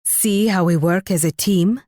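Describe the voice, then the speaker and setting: A woman's voice: fairly low pitch, measured pace, warm tone, dry recording, studio quality, lightly acted. An actress playing a haughty, flirtatious queen in a video game, with a teasing, condescending manner. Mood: coy, taunting. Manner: coquettish, condescending, purring. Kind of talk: video game character voice lines.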